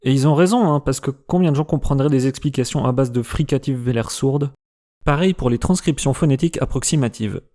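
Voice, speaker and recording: A man's voice: mid-range voice, a little fast, warm tone. A man giving a casual lesson and sounding out consonants to demonstrate them. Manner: demonstrating speech sounds aloud. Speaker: language teacher.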